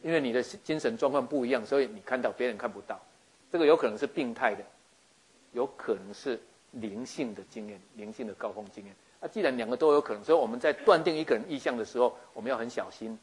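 A man giving a lively sermon, acting out scenes and often checking that his listeners follow. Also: medium pitch, racing, husky. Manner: animated, acts out scenes, keeps asking listeners if they follow. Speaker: preacher.

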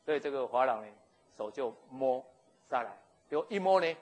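A man, telling a story in a sermon in an animated, jokey way. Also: medium pitch, a little fast, poor audio. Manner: animated, jokey, with frequent chuckles and restarts. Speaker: pastor.

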